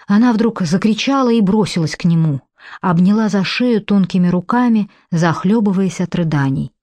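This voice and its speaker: A woman reading an audiobook in a measured, unhurried narration. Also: medium pitch, expressive, warm tone, dry recording. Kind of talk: scripted narration.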